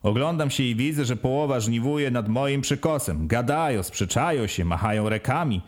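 A man's voice: mid-range voice, animated, moderate pace. A man reading an audiobook in the first person, with earnest, plain storytelling. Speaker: audiobook reader.

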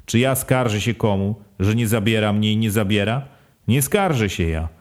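A man's voice: expressive, moderate pace, close to an everyday voice. A man doing a weary old village father. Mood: self-pitying. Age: older. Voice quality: low, weary, fatalistic.

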